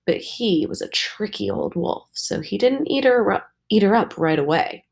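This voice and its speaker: A woman teacher reading a storybook aloud to her students, slow and expressive. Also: mid-range voice, vocal fry.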